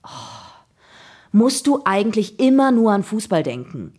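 Woman voicing an excited chattering schoolboy. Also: a little high, quick pace, slightly rough, pitched above the performer's own voice.

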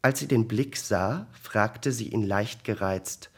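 Slow, calm male audiobook narrator. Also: lowish voice, breathy edge. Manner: calm, measured reading.

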